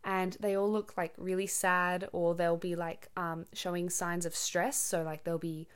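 A woman's voice: fairly low pitch, level tone, measured pace, clean tone. Rambling young woman podcast host. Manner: rambling, many ums and self-corrections; explains words simply for learners. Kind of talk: casual chatty monologue.

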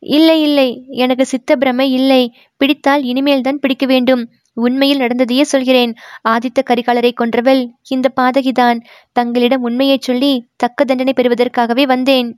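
A woman voicing a distraught young noblewoman who pleads and confesses through tears, her voice pushed higher. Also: little pitch movement, moderate pace, darkish tone, clean tone, no echo, clean studio sound, lightly acted. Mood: distraught pleading.

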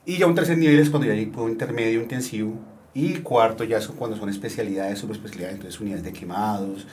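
A doctor from Colombia answering interview questions, explaining plainly and steadily with frequent fillers. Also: male voice, on the low side, quick pace, darkish tone, slight background noise.

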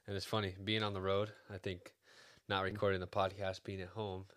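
A low-voiced man hosts a podcast in a casual, reflective tone. He talks haltingly, feeling his way through his thoughts. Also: level tone, a bit bright. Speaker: podcast host.

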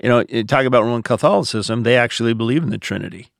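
An American pastor answers questions on a podcast in a measured, explanatory, conversational way. His mid-range voice is gravelly, and the recording is dry and clean, with studio sound.

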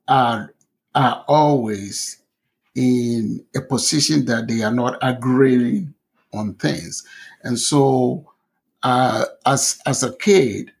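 Slow, gravelly-voiced Ghanaian man. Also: medium pitch. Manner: hesitant, many fillers and restarts. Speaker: interview guest. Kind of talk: conversational storytelling.

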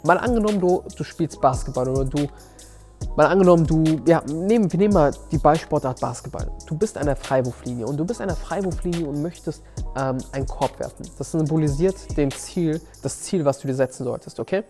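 Soft music plays behind this motivational podcast, where a man who hosts and coaches seminars talks a little fast in a slightly high, slightly mellow voice. He's emphatic, repeating key words and frequently starting phrases over.

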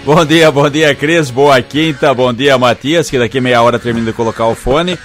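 A man's voice: mid-range voice, moderate pace, soft background music. A man co-hosting a morning radio show, greeting colleagues and adding short, wry remarks. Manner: wry, short teasing replies. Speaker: radio co-host. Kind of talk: casual radio banter.

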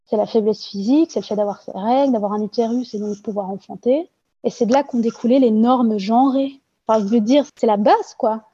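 A woman's voice: fairly high pitch, brisk, mellow, slightly rough, no echo, lo-fi sound. A woman testifying anonymously in an interview, talking earnestly with frequent hesitations and fillers. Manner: hesitant, many fillers and restarts.

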